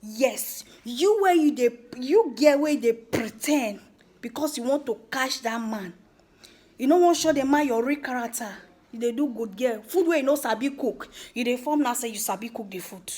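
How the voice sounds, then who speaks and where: A woman's voice: a little high, animated, normal speed, a little mellow. A woman with a Nigerian accent speaks Nigerian Pidgin in an informal, emphatic rant to viewers, teasing and repeating words for effect. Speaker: vlogger giving social commentary.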